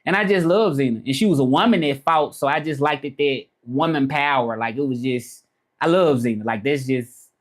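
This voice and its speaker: At a normal speed and medium pitch, this Memphis, Tennessee vlogger in his thirties talks with a Southern accent. Responding to his live stream's chat, he chats loosely, wanders from point to point and says things more than once.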